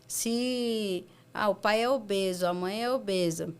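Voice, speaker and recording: A woman pediatrician with a Brazilian accent, explaining calmly in a casual interview and acting out parents in quick asides. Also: medium pitch, smooth. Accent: Brazilian Portuguese. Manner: animated, acts out parents and children in quick asides. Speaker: pediatrician guest.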